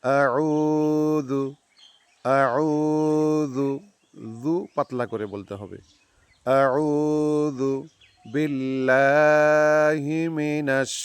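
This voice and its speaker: A man teaching careful recitation, repeating each word slowly and drawing out the sounds between explanations. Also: medium pitch, dry recording. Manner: slow, drawn-out model recitation between quick explanations. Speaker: religious teacher. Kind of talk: recitation lesson.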